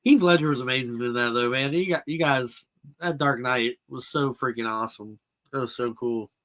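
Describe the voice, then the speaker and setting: A man's voice: mid-range voice, normal speed, a bit bright. A man hosting a casual live chat about toys and films, answering viewers' comments as he goes. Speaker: toy collector channel host.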